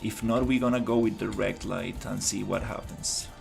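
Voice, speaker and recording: A man's voice: on the low side, fairly even intonation, moderate pace, vocal fry, over music. A man from Costa Rica streaming his game development work, thinking aloud in a casual way with many fillers and restarts. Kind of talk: casual live-stream commentary.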